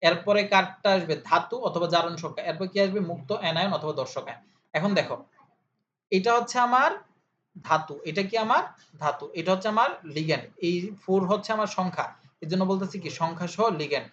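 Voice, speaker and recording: A man's voice: high-pitched, fast talker, a bit bright. Man, tutor, casual lesson, question-and-answer drilling, dull lo-fi sound. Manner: repeats key terms as questions and answers. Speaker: chemistry tutor. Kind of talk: informal explanatory lesson. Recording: slightly dull audio with faint hiss.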